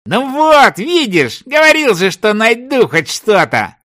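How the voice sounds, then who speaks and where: A man voicing a stubborn, excitable tall treasure hunter who insists, slowly and in a high voice. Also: no echo, studio quality, exaggerated voice. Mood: triumphant.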